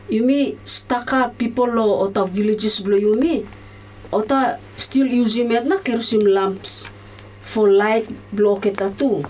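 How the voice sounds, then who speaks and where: A woman's voice: mid-range voice, a little mellow. A woman teacher with a Solomon Islands accent gives a school lesson in Solomon Islands Pijin mixed with English, explaining plainly and repeating key terms. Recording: distant mic with faint background noise.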